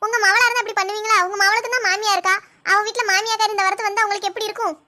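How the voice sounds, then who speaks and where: A woman's voice: very high voice, fairly even intonation, racing, bright, forceful tone, a little hiss or hum. A woman doing an indignant young cartoon daughter-in-law. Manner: indignant, complaining, talks back.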